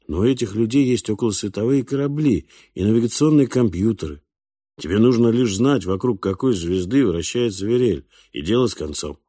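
A man voicing a bewildered adult man who questions sharply and angers quickly. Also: on the low side, animated, dark tone, breathy edge, no echo, studio quality. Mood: incredulous. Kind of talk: audiobook character voice.

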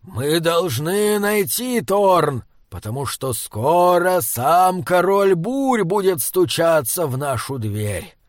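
A man's voice: a little high, sing-song, no echo, studio quality. A man voicing a stern old northern man who speaks firmly and coldly. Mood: grave. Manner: firm, cold, slow and weighty.

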